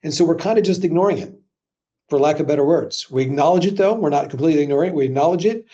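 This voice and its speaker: Energetic male sales trainer on a call. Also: on the high side, racing, dull audio. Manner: energetic, conversational, acts out customer dialogue. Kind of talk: live webinar sales training. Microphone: video call.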